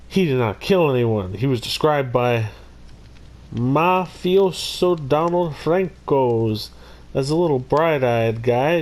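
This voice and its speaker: Hosting his own YouTube video from Missouri, this man tells the story of a criminal history in a relaxed way. His voice is medium in pitch and darkish, and he wanders off into joking tangents.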